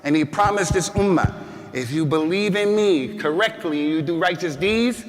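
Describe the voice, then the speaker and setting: An American man giving a Friday sermon as imam, emphatic, repeating words and rising to shouts. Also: fairly high pitch, moderate pace. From United States. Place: mosque hall. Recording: long hall reverb.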